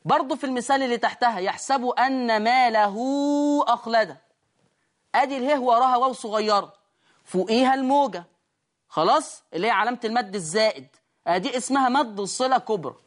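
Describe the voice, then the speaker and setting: A woman's voice: on the high side, quick pace. Egyptian woman teaching Quran recitation rules. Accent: Egyptian Arabic. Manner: explains step by step, asks and answers her own questions. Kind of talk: tajweed lesson on screen. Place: studio lesson with a control room.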